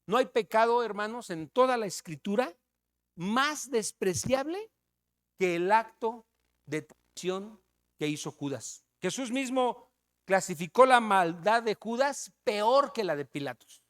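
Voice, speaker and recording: A man with a Mexican accent preaching a sermon, telling a story with loud emphasis and hushed asides. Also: sits high, lively intonation, unhurried.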